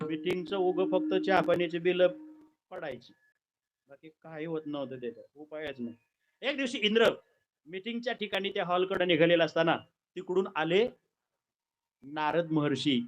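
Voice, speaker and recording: A man performing a kirtan, telling a sacred story in a lively, dramatic way with comic asides. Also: high-pitched, moderate pace, long pauses, dull audio.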